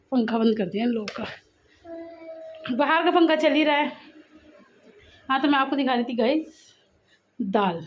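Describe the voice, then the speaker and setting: High-voiced young mom vlogging at home. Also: female voice. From India. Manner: chatty, playfully scolding her kids, often laughing. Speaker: family vlogger and mother. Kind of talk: casual home vlog chat. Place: family home indoors. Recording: muffled phone audio with clear background noise.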